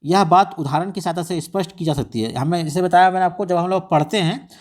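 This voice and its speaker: A man explaining exam material at a brisk, rapid clip. His voice sits a little higher than most men's. He keeps throwing in rhetorical questions and English terms. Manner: repetitive rhetorical questions, mixes English words. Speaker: exam tutor.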